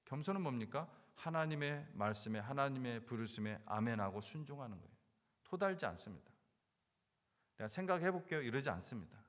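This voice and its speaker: A man's voice: mid-range voice, lively intonation, brisk, big-room sound. A male pastor preaching a sermon, asking the congregation questions and repeating key words for emphasis. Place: church sanctuary.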